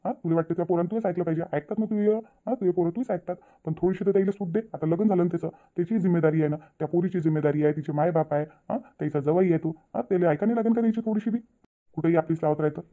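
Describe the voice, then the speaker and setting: A man's voice: sits high, very fast, warm tone, lightly acted. A man voicing a patient middle-aged village father in a cartoon, coaxing and lecturing his wife. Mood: reasoning. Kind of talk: cartoon voice acting.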